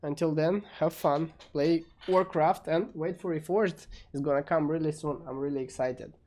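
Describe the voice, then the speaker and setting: A man's voice: on the high side, fairly even intonation, moderate pace, darkish tone. A man with a muffled voice chatting casually to his viewers as a video creator.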